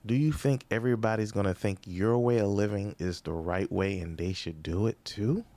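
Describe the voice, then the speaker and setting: A man's voice: fairly low pitch, normal speed, dark tone, no room sound. A man, a comedian hosting his own podcast, rambling through a comedic monologue with sarcastic asides and rhetorical questions.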